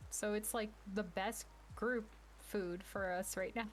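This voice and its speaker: A woman's voice: mid-range voice, fairly even intonation, measured pace, soft background music. A woman streaming a survival game with friends, chatting casually and explaining things with lots of filler words. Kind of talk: casual gaming chat.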